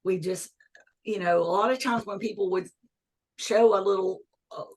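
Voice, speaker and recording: A woman in her sixties, medium-pitched and speaking at normal speed, is a guest in a conversational interview. She talks earnestly and emphatically, repeating key phrases.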